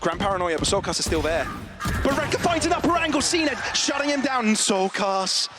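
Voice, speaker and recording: High-pitched, excitable male esports caster. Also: a little fast, over music. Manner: excitable, dramatic, builds into shouted calls. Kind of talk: esports play-by-play commentary.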